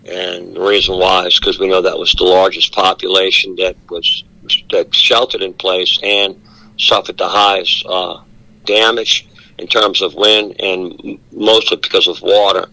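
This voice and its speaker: A man giving a steady live briefing as an emergency official, with many fillers, heard over a speakerphone held up to a studio microphone. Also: sits low, a little slow, gravelly, no room sound, low-quality recording. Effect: speakerphone held up to the studio mic. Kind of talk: live radio phone briefing.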